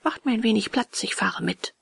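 A woman voicing a small, eager wooden puppet boy in a children's audiobook, pitched high and pleading. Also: fairly quick, vocal fry, fairly bright tone, slightly rough, dry recording, heavily acted. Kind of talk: storybook narration.

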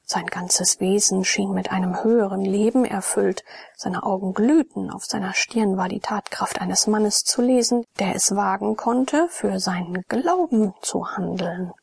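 A woman narrating a classic novel in a soft, often unvoiced whisper, as a whispered audiobook reading. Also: medium pitch, a little slow, gravelly, hardly any pauses, husky, no room sound.

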